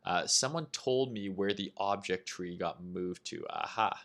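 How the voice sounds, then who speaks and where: A young Canadian man with a Canadian accent hosts a casual livestream, loosely covering trading setups as a market analyst. His voice sits low and sounds fairly bright, and he speaks unhurriedly. He's chatty, reads chat aloud, and says "uh" and "right?" a lot.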